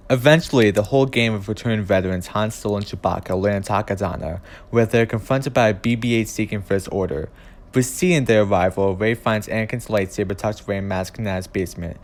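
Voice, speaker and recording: Low-voiced man narrating a video essay. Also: darkish tone. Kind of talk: scripted commentary narration.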